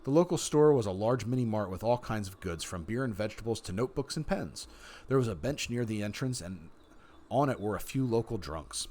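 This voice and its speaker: A man's voice: lowish voice, expressive, fairly quick, a little mellow. A man streaming a story game, reading its text aloud and announcing his choices.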